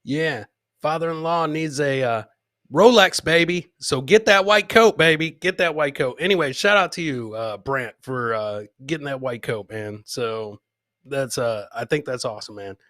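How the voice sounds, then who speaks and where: An expressive, mid-range voice with a fairly bright tone carries this middle-aged man's casual, sweary comedy podcast live stream at normal speed. Showman that he is, he repeats phrases for emphasis and plays to listeners. The recording is dry and studio-clean.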